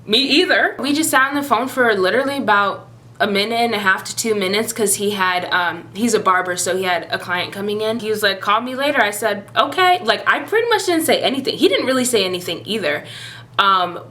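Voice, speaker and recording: A young woman in her twenties tells a personal story to camera in a bright, clear voice at a middle pitch. Her delivery is chatty and animated, and her voice jumps up whenever she acts out what someone said. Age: 20s. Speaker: vlogger.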